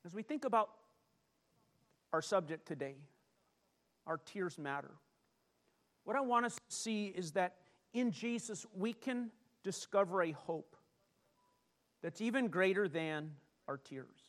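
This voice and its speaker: A middle-aged man preaching a sermon, animated and self-deprecating as he tells personal stories. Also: high voice, measured pace, long pauses. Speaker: pastor.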